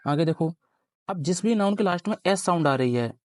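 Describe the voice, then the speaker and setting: A man's voice: a little high, animated, brisk, darkish tone, no echo. Male teacher quizzing his class, dry sound. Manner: explains step by step, keeps quizzing the students. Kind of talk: classroom grammar lecture at a board.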